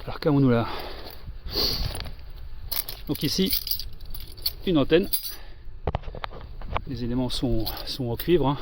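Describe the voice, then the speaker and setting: Pausing to find his words, a man hesitantly explains equipment during an informal hands-on demonstration as an amateur radio operator. His medium pitch carries lively intonation, and background noise is audible.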